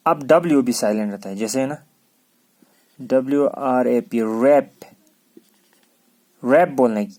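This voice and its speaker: Speaking at normal speed with long pauses, a male English teacher teaches a class in a mid-range, slightly mellow voice. Every word gets spelled out letter by letter and said again several times.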